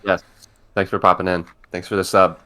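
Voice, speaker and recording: An American man co-hosting a casual podcast, laid-back and halting, with many fillers. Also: deep voice, little pitch movement, sharp tone. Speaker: podcast co-host. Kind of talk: casual chat.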